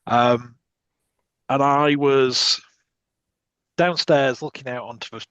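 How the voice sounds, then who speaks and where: A man's voice: mid-range voice, slow pace, smooth, no echo. A British man hosting a casual podcast chat, rambling with lots of ums while he explains game types. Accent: British English. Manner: relaxed, rambling with many ums. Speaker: podcast host. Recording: dull lo-fi mic.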